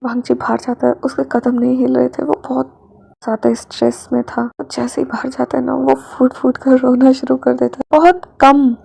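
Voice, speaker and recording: A woman's voice: sits high, completely flat delivery, moderate pace, creaky, mellow, breathy edge, rough recording. A woman reading a romantic fan fiction aloud, with emotional asides to her listeners. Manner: emotional, talks straight to listeners. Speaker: storyteller.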